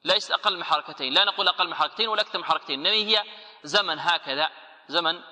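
A man teaching tajweed, posing rhetorical questions and answering them himself, and slowing into chanted recitation for examples. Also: sits high, bright, forceful tone, long reverb tail. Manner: explains by asking rhetorical questions, then answering.

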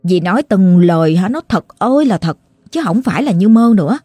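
A woman with a Southern Vietnamese accent tells a ghost story as if chatting with a friend, full of exclamations. Her voice is dark and mellow, and the recording is dry and close. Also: medium pitch, lively intonation, brisk, breathy edge, no echo, soft background music.

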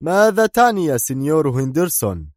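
Brief: man doing a bristling security director, storybook reading, high strained voice, dry booth sound. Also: very animated, fast talker, a little mellow, no echo. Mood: indignant. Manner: indignant, strained raised voice. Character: angry stern male security director.

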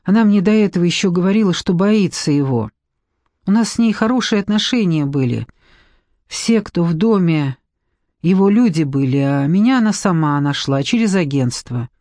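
A woman's voice: on the low side, lively intonation, normal speed, dark tone, no echo, studio quality, close to an everyday voice. A woman reading an audiobook, voicing a defiant young former nanny who speaks with scorn. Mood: confiding.

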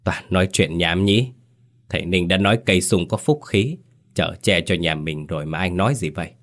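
A man's voice: deep voice, moderate pace. A man voicing an elder son who brushes off his brother's worries with scorn. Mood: scoffing. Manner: scoffing. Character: dismissive, scoffing elder son.

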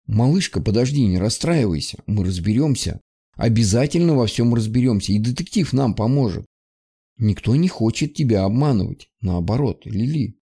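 A man reading an audiobook, voicing a gentle, soothing grown man comforting a friend. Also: medium pitch, lively intonation, moderate pace, husky.

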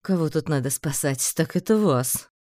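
A woman's voice: deep voice, expressive, normal speed, a little mellow, no echo, studio quality. A woman voicing a composed, mocking man who is master of the house.

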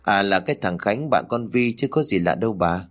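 A man's voice: fairly low pitch, animated, fairly quick, natural voice. A man doing an anxious old mother. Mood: surprised. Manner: anxious, pleading. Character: worried older village mother.

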